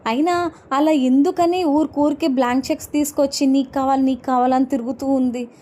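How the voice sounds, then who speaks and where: A woman's voice: sits high, steady tone, brisk, mellow, natural voice. A woman voicing Shruti, an indignant young wife from a TV serial, firing off defensive questions in an episode retelling. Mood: angry.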